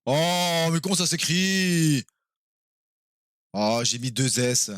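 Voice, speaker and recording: A man streaming live and playing a quiz game with his viewers, excitable and quick to exclaim and swear when he is stuck. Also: fairly high pitch, clear, resonant tone, no echo, studio quality.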